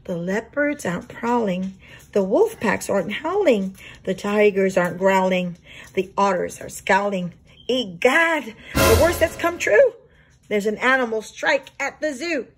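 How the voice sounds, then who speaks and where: A woman reads a children's storybook aloud the way a teacher would, expressive and explanatory. Her mid-range voice is unhurried, with a little hiss or hum in the recording.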